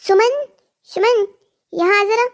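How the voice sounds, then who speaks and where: A voice actor playing a fussy, demanding older mother-in-law in a cartoon story, scolding with sharp rising shouts. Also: extremely high pitch, fairly even intonation, a little fast. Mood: shouting.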